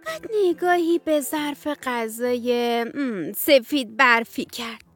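A woman narrating a children's bedtime story in a gentle, sing-song manner. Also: high voice, lively intonation, dry recording, soft background music.

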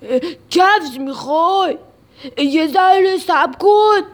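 A woman voicing a big, gentle, curious tree in a children's radio story, in a childlike and wondering manner. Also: extremely high pitch, expressive, pitched above the performer's own voice. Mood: eager.

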